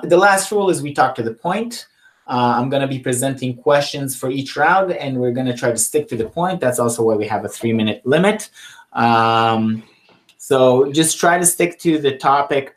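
A young man moderates a video-call roundtable and sets out its rules in a clear, instructive way. His voice sits at a middle pitch. He speaks through a headset. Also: normal speed. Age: young adult. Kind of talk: moderating a discussion.

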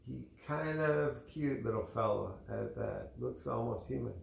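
A man's voice: medium pitch, measured pace, vocal fry, reverberant. A man reading aloud and voicing a friendly, easygoing policeman who chats and gives advice.

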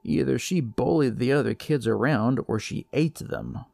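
A man narrating a first-person horror story in a slow, measured storytelling manner. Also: mid-range voice, vocal fry, a little mellow, dry recording.

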